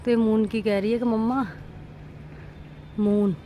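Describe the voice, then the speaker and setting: A woman's voice: a little high, little pitch movement, fast, dull audio, a little hiss or hum. Chatty woman vlogging at home. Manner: chatty, talks straight to viewers. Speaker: vlogger mother. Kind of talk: casual family vlog narration. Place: at home, later on the rooftop. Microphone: handheld phone camera.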